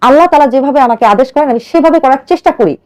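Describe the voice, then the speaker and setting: A Bangladeshi woman in her thirties tells a radio host her life story, earnest and urgent, acting out the quoted dialogue along the way. It's emotional personal storytelling in a high-pitched, racing, darkish voice.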